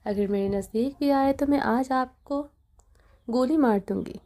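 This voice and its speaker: A woman's voice: sits high, mellow. A woman voicing a young wife who confronts her husband emotionally in an audio novel reading. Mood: defiant. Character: young wife, hurt and defiant.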